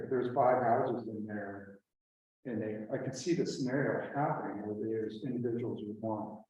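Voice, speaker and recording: A man's voice: medium pitch, mellow, a little hiss or hum. A man on a board asking a question at a public meeting, searching for his words as he goes. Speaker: board member. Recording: dull, echoey meeting room from far off.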